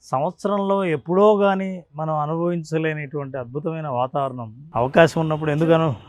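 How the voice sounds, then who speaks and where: ఒక పురుషుడు ధ్యాన గురువుగా, ఆరుబయట ప్రకృతిలో ఇంటర్వ్యూలో ఒక్కొక్క అంశాన్ని శ్రద్ధగా వివరిస్తున్నాడు. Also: male voice, fairly high pitch, fairly even intonation, fairly quick, no room sound. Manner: earnest, lists points one by one. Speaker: meditation mentor. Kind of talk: explanatory interview talk. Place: outdoors in nature.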